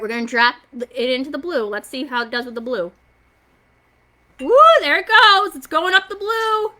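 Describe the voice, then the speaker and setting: A woman with a fairly high, very bright voice leads a science activity for young children. Like an excitable, encouraging story time host, she speaks simply and directly to her little viewers.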